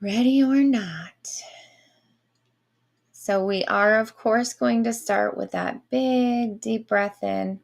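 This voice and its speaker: Creaky-voiced woman, airy soothing healer. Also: mid-range voice, fairly even intonation, slow pace, hardly any pauses. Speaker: online manifestation coach and Reiki guide. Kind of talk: guided meditation.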